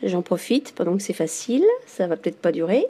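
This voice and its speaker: A woman leaving a voice message for a podcast, giving her quiz answer in a clear, orderly way. Her voice is mellow and soft-toned, at a middle pitch. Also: lively intonation, fairly quick. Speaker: listener caller.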